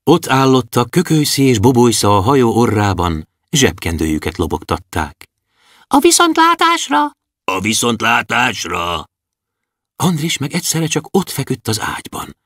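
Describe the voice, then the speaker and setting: A man narrating a children's audiobook in a lively, expressive storytelling manner. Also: medium pitch, few pauses, husky, no room sound, studio quality. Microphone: close studio mic.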